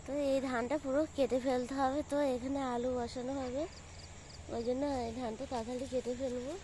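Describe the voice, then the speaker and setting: A young woman with a high-pitched voice, hoarse from a cold, chats to her viewers in a casual vlog. She talks straight to them and keeps pointing things out. She is filming outdoors on a phone in a rice field, with faint rural sounds and goats in the background. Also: little pitch movement, a little fast, mellow, slight background noise. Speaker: vlogger.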